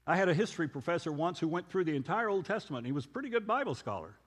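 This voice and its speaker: A man delivers a sermon-style lecture in a conversational, storytelling way, pausing on rhetorical questions. His voice sits fairly high and moves through a wide, animated pitch range. The sound carries a long reverb, as if recorded in a large hall. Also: husky. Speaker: preacher.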